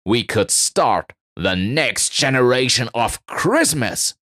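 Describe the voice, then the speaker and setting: A man's voice: mid-range voice, lively intonation, slow pace, fairly bright tone, dry recording, studio quality, voice pushed up. A man voicing a confident male elf newcomer who calls out a business idea in a Christmas story. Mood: enthusiastic. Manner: announcing, enthusiastic.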